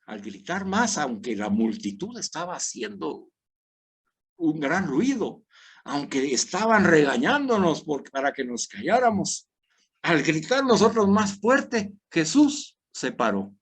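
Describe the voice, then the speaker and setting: Husky man leading an animated meditation. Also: on the high side, a little slow. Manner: dramatic, swings loud and soft, acts out the crowd. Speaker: parish group leader. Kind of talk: guided scripture meditation.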